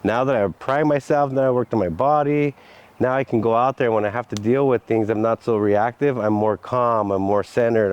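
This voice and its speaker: A man's voice: medium pitch, a little mellow, low-quality recording. A man giving earnest, encouraging talk in a motivational vlog. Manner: earnest and encouraging, with frequent laughs. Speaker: vlogger.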